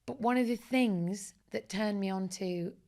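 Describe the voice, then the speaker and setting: A woman, a guest in a relaxed interview. Her voice has a gravelly, creaky edge. She speaks with animated, enthusiastic energy. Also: medium pitch, a little slow. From Essex, England. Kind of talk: casual conversational interview.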